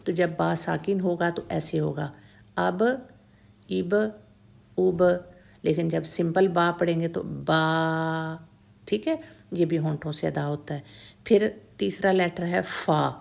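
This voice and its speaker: Gravelly-voiced woman teaching letter sounds. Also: low voice, steady tone, a little mellow. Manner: slow, patient, demonstrates each letter sound repeatedly; mixes English words into Urdu, checks in with "theek hai?". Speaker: Quran recitation teacher. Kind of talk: tajweed pronunciation lesson.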